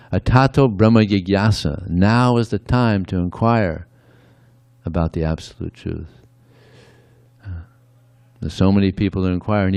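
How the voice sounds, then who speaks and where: Deep gravelly man giving a sermon. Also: dark tone, no room sound. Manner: conversational, frequent "yeah" asides. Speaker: speaker at a temple. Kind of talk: devotional sermon.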